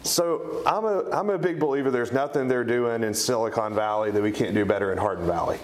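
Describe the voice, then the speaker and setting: A man in middle age speaks in a roomy, echoing space. His voice sits on the low side and carries an East Tennessee accent. He talks conversationally, like a guest explaining things in an interview. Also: fast talker. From East Tennessee, United States. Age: middle-aged. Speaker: interview guest, company co-founder.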